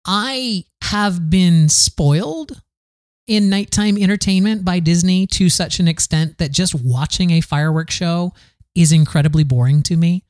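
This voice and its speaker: A man's voice: sits high, measured pace, darkish tone, no room sound, clean studio sound. A man from the American South hosting a podcast, talking in a candid, rambling solo monologue full of restarts. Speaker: podcast host.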